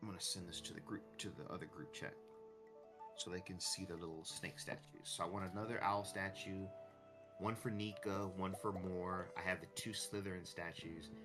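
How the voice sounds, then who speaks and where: A man's voice: low voice, fairly even intonation, moderate pace. A man giving casual gameplay commentary, thinking aloud and restarting his sentences as he rambles. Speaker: gameplay streamer. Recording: clear music behind the voice.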